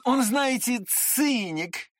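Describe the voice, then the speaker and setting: A reader voicing an excitable, pretty teenage boy who chatters eagerly in an audiobook. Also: medium pitch, drawn-out words, no room sound, clean studio sound, pitched above the performer's own voice. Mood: chattering.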